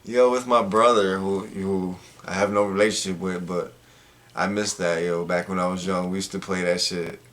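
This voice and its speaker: A man's voice: sits low, little pitch movement, normal speed, fairly bright tone. A man in his thirties interviewing his mother in a loose, joking, profane way. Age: 30s. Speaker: interviewer, son of the guest. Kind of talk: casual family interview.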